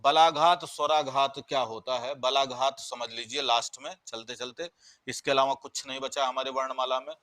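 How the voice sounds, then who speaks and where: Bright-voiced male grammar teacher. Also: medium pitch, fairly even intonation, moderate pace, no echo. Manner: explains by repeating and asking the class questions. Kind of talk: live online grammar class.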